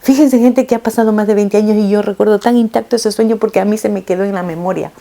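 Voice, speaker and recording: A middle-aged woman, a mother, telling her viewers a painful personal story in an emotional, halting way, with frequent restarts. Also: mid-range voice, steady tone, creaky, warm tone. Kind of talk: personal testimony told to viewers.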